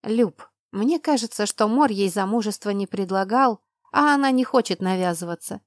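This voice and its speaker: A woman voicing a calm young woman friend. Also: medium pitch, normal speed, dry recording, clean studio sound, natural voice.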